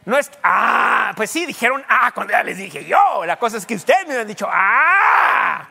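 A man's voice: very high-pitched, expressive, brisk, gravelly, sharp tone, husky. A male pastor preaching a teaching sermon, quizzing his congregation and dropping English fillers. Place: church hall. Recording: echoey church hall.

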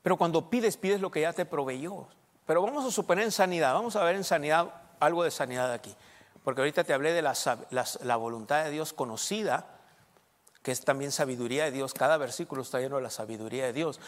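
A man preaching a sermon as pastor, emphatic, swinging between loud and soft and checking in with the congregation. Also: fairly high pitch, fast talker. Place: church. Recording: long church reverb.

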